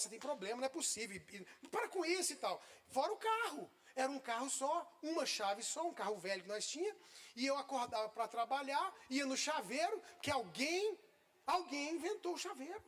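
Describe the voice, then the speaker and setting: A man in his fifties, a pastor preaching a sermon and telling a humorous personal story, with loud bursts and quiet asides. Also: very high voice. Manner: humorous, exasperated.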